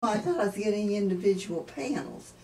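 An older woman chatting casually about her home, relaxed and a little hesitant. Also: mid-range voice, fairly quick. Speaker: homeowner. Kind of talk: casual chat. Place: inside a house. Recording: roomy sound from far off the mic, faint noise.

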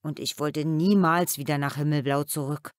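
A woman voicing a gentle, thoughtful father who talks calmly and a little sadly, in a children's audiobook. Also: sits low, normal speed, no room sound, studio quality, natural voice. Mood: reflective. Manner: calm, reflective storytelling.

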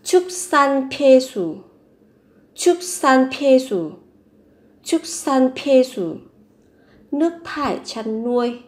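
A woman's voice, sitting high and animated, moves through a vocabulary lesson extremely slowly, with long pauses. As a language teacher, she repeats every word three times and then explains it patiently.

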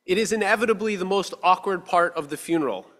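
A male rabbi in his thirties giving a measured, earnest sermon at a lectern with a stand mic, slowing down for emphasis. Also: high-pitched, a bit bright. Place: synagogue sanctuary, at a lectern. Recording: long reverb of a sanctuary hall.

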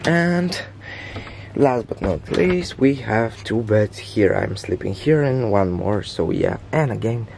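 A man's voice: on the low side, expressive, takes it slowly, gravelly, a little mellow, slight background noise. A man vlogging casually with a groggy morning voice, chatting loosely inside a small caravan on a handheld camera. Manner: chatty, loose, repeats "like" and "yeah". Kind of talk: casual vlog tour. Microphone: handheld vlog camera.

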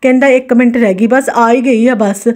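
A woman's voice: fairly high pitch, fairly even intonation, brisk, darkish tone. A woman in her thirties with a Punjabi accent, narrating a casual daily vlog in a chatty, informal, exclamatory way. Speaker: vlogger.

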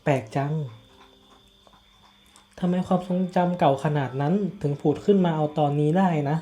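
A woman voicing a calm, resolved young woman in a dubbed game cutscene, speaking softly and steadily. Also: deep voice, normal speed, natural voice. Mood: reflective.

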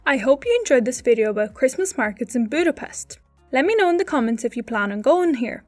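Woman doing travel voice-over, high bright-ish tone, dry close sound, soft music under. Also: animated, a little fast, no room sound. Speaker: travel channel host. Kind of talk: scripted travel narration.

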